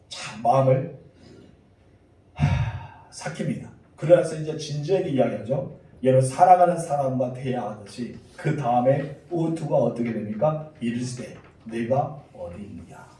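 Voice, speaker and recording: A male pastor preaching a Sunday sermon, leading the congregation in reading aloud and breaking into sudden loud calls. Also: a little high. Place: church sanctuary. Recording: echoey church hall, mic at a distance.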